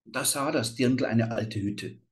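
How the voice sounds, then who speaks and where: A man reading an old fairy tale aloud in a measured, atmospheric way. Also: medium pitch. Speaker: storyteller.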